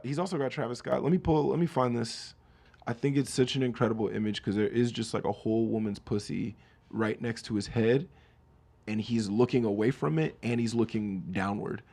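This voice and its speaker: A man's voice: mid-range voice, creaky. A man hosting a solo podcast, riffing comedically on song lyrics in casual chat and acting out quoted lines. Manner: animated, riffing, mock-voices quoted lines. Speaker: podcast host.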